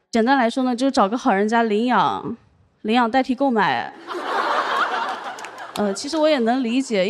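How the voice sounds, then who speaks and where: A young woman performing a stand-up comedy set, telling her story deadpan and landing punchlines over audience laughter. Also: a little high. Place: comedy stage with a live audience.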